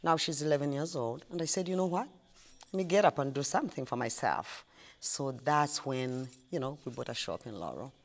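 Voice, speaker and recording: A middle-aged woman with a Ugandan accent, chatting as an interview guest, halting with fillers and restarts. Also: extremely low pitch, expressive. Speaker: guest, shop owner. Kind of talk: casual interview chat.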